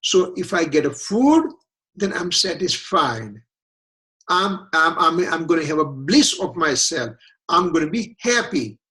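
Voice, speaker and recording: Man, scripture teacher, halting explanatory lecture delivery, many restarts. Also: on the high side, fairly bright tone, poor audio. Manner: hesitant, frequent restarts, explanatory. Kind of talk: religious lecture.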